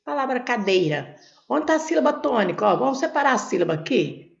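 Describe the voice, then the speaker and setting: Lively, gravelly-voiced woman teacher. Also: on the high side, fairly quick, reverberant. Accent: Brazilian Portuguese. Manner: step-by-step, asks questions and answers them herself. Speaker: Portuguese grammar teacher. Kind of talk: exam prep lesson, explaining on a board. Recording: dull lo-fi recording.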